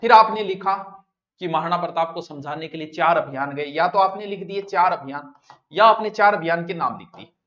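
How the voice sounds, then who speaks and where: A man's voice: fairly high pitch, fairly quick, a bit bright. A male coaching teacher, giving a direct, conversational exam-prep lecture to students. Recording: dull lo-fi classroom recording.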